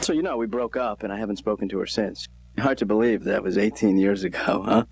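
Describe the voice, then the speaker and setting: A man's voice: lowish voice, fast, creaky, a little mellow, slightly rough. A man voicing a needy, wisecracking grown son in a cartoon, whiny and needling. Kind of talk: improvised cartoon banter.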